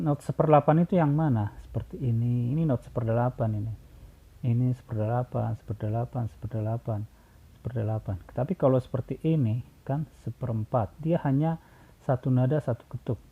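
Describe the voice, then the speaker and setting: A man teaching a choir how to read number notation, explaining patiently, repeating himself and counting beats aloud. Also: medium pitch. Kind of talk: spoken music lesson, sung examples. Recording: tinny phone-like sound.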